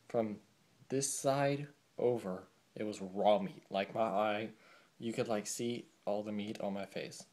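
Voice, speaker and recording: Young man, from California, casual vlog, lots of fillers, camera mic, slightly low voice. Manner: rambling, filler-heavy storytelling. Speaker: vlogger.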